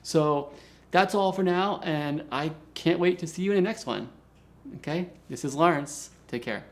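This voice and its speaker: Teaching beginners Mandarin in front of a whiteboard, a man stays positive and supportive, regularly asking "okay?" and going over words slowly. His voice is a little high.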